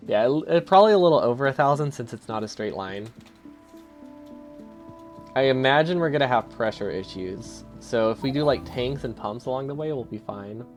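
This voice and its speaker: A man's voice: medium pitch, expressive, moderate pace, faint music behind. A man streaming a video game live, thinking aloud, chuckling often and answering his chat in a casual, easily amused way.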